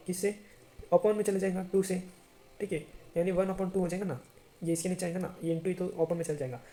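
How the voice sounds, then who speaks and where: Guy teaching math online, mellow warm tone, keeps asking if u got it. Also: a little high. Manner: chatty, checks understanding often, playful asides to students.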